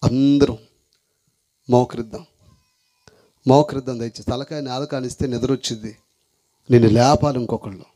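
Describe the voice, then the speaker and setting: Male preacher, fervent sermon, mid-pitched, pleading refrains, sudden shouts and whispers. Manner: repeats refrains, swings from shouting to hushed whispers; pleading and commanding the congregation. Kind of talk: impassioned evangelistic sermon.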